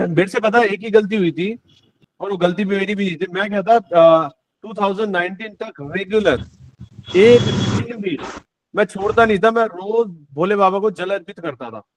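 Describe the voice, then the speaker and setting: A man's voice: sits high, normal speed, slight background noise. A man hosting an online devotional singing session over a video call, chatting casually, encouraging his guests and joking with them. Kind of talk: casual chat.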